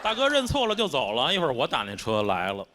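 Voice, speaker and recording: A man's voice: medium pitch, wildly swooping pitch, fast talker, pushed and bright. A man with a Beijing accent doing a stand-up comedy set, wry and self-mocking in his delivery. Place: stage before a live audience. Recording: constant background noise.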